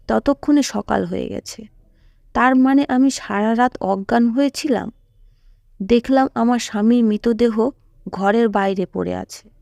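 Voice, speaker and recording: A woman's voice: fairly high pitch, vocal fry, a little mellow, dry recording. A woman narrating a sorrowful first-person story.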